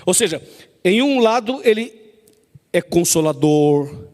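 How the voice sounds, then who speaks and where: A man's voice: sits high, animated, slow, a little mellow, big-room sound. A man preaching a sermon, emphatic and repetitive, often asking the congregation to agree.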